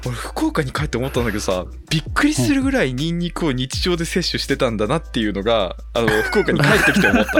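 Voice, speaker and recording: A man's voice: medium pitch, huge pitch swings, quick pace, few pauses, a bit bright, soft background music. A man co-hosting a casual net radio show, chatting informally. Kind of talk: casual chat.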